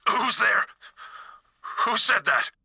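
Bright, earnest, decent game hero. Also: male voice, medium pitch, lively intonation, unhurried, dry recording, exaggerated voice. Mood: alarmed. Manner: earnest, conversational, hesitant. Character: sane, weary, kind-hearted inner voice of a madman. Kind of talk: video game character acting.

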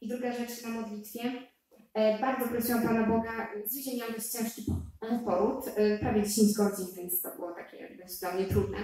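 A woman in her thirties telling a lively personal story to an audience, speaking to them directly between fillers. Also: a little high, normal speed. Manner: animated, addresses listeners directly, with fillers. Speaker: speaker giving a faith testimony. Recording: very echoey hall sound.

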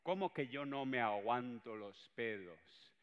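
A man putting on the voice of an old boss who shouts in wounded indignation, recorded in a theater hall. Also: mid-range voice, lively intonation, takes it slowly, clear, resonant tone, highs cut off. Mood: indignant. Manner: loud outraged shouting.

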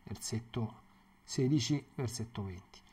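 A man, a priest giving a Bible catechesis, who talks in a digressive, halting way and often repeats words and restarts. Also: mid-range voice, dark tone, husky.

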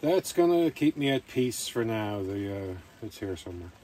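A man's voice: fairly low pitch, very animated, moderate pace, dark tone. A man rambling casually to camera as he narrates a camping vlog outdoors. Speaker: camping vlogger. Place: outdoors at a rainy campsite. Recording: faint outdoor ambient noise.

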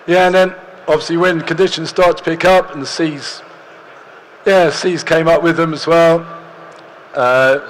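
A young man, slightly hoarse, giving an easygoing stage talk with dry humour in a large hall. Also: fairly high pitch, a little hiss or hum. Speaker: presenter.

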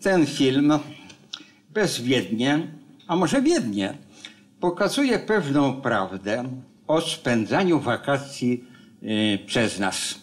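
An older man speaking as a film critic in a relaxed studio conversation, with a slow, hesitant delivery and dry jokes. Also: medium pitch. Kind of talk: casual studio talk about a film. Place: studio set with armchairs.

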